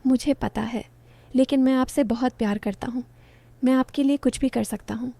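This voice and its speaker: A woman storyteller voicing an infatuated young man, a student, who speaks softly and earnestly. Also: high-pitched, fairly even intonation, moderate pace, gravelly, no room sound. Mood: earnest, tender.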